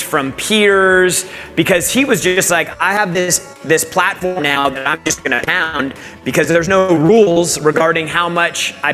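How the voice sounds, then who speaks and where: A man hosts an interview on the stage of a large event hall, talking with energy and firing up the crowd. His voice sits a bit high and sounds bright and forceful. Long hall reverb hangs on his words, with faint music underneath. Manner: energetic, hypes the audience. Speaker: event host. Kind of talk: onstage interview.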